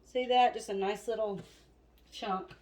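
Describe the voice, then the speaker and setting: A woman's voice: medium pitch, fairly even intonation, unhurried, very noisy. A woman, chatting to viewers as she demonstrates a recipe in her home kitchen, a bit out of breath. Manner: chatty, talks to viewers as y'all. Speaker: home cooking video host. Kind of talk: casual cooking demonstration. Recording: roomy kitchen with loud clatter. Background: chopping and clattering dishes.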